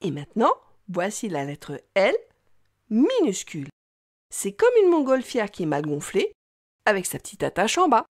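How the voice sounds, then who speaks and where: A woman teaching young children to read, talking slowly in an exaggerated, sing-song way. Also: mid-range voice, huge pitch swings, no room sound, clean studio sound. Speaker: reading teacher. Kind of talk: children's reading lesson.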